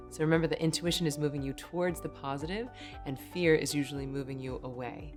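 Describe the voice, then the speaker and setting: A woman in her thirties with a low-pitched voice teaches meditation straight to camera. She explains in an upbeat, conversational way and often checks in with listeners. Faint music plays underneath. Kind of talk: direct-to-camera teaching talk.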